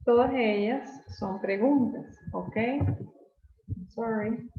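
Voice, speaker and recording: Slow, patient woman teaching English words. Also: a little high, roomy sound, dull audio, a little hiss or hum. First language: Spanish. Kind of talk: recorded online class lesson.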